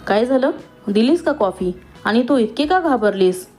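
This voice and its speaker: Storybook role: woman reading as a cautious, gossipy housekeeper, soft mellow tone, slightly high. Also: lively intonation, moderate pace, soft background music, lightly acted. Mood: confiding. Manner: warning, confiding.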